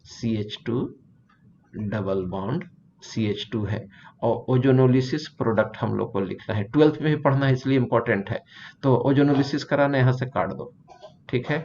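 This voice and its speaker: A man's voice: medium pitch, moderate pace, a little mellow. Man teaching chemistry, playful and step by step. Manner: explains step by step, with playful asides. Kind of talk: classroom lecture mixing Hindi and English. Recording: slightly dull recording with faint background hiss.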